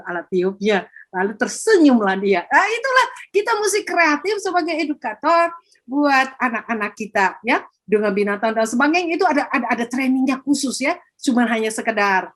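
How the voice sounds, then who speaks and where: An older woman, a grandmother and education coordinator, telling lively stories with acted quotes during a conference talk. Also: on the high side, normal speed.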